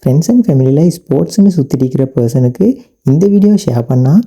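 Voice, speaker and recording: A young man with a Sri Lankan Tamil accent calmly narrating his own vlog as a voice-over, slipping English phrases into his speech. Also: medium pitch, brisk, poor audio. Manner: calm, reflective, mixes English phrases into Tamil. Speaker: vlogger.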